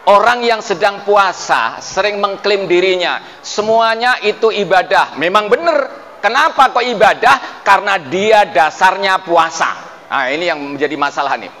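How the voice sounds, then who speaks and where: High-voiced male preacher in an echoey hall. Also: animated, sharp tone, slight background noise. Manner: addresses listeners as Pak, asks them questions, chants Quranic verses slowly. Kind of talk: sermon. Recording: distant mic in a reverberant hall with faint ambience.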